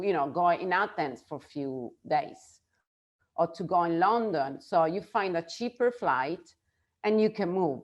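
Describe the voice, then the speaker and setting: On a casual video call, an Italian guest whose first language is Italian speaks with a fairly low pitch and a noticeable accent. She frequently stops mid-thought, searching for words.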